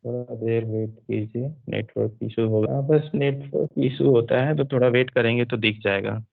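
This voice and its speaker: A male teacher giving an online grammar class, repeating and drilling terms and asking quick questions. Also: mid-range voice, creaky, dry recording. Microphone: computer mic, online class. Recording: dry, dull lo-fi online audio.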